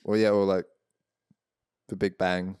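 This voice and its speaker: A man's voice: low-pitched, little pitch movement, a little slow, darkish tone, clean tone, no room sound, studio quality. A man co-hosting a podcast in casual chat, thinking aloud hesitantly and trailing off. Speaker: podcast co-host.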